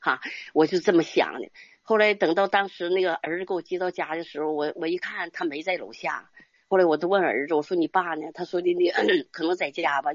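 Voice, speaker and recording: An older woman gives a rambling, heartfelt church testimony. She tacks soft tag particles onto her phrases. Her voice is low and husky, and the recording sounds dry and muffled. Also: dry recording. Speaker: church member giving testimony. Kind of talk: casual spoken religious testimony.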